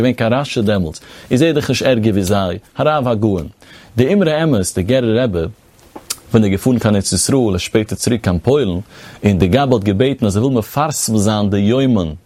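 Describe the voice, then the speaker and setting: A man's voice: mid-range voice, a little mellow, no room sound. A man teaching a religious text, reading Hebrew phrases in a chanting cadence and then explaining them. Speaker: Torah teacher.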